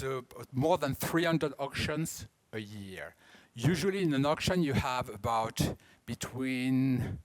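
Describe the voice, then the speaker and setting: A man in his fifties with a French accent, a native French speaker, giving a conference talk as an auction house director, explaining in a halting way with frequent restarts. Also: mid-range voice. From France. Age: 50s.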